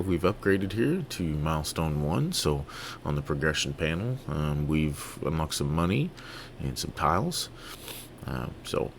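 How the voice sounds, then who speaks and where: A man from Toronto giving relaxed, halting let's-play commentary on a city-building game, full of fillers and restarts. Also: extremely low pitch, gravelly, a little hiss or hum. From Toronto, Canada. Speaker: gaming video creator.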